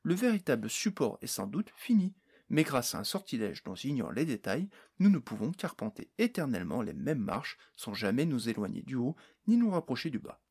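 A male narrator voicing a calm, clever female sorceress in a storybook reading. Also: medium pitch, moderate pace, slightly rough. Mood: calm, assured.

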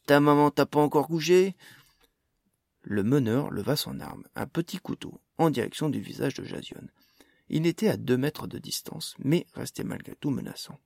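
A man narrating a fantasy audiobook with a steady, expressive reading. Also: medium pitch, normal speed, vocal fry, dry recording, clean studio sound.

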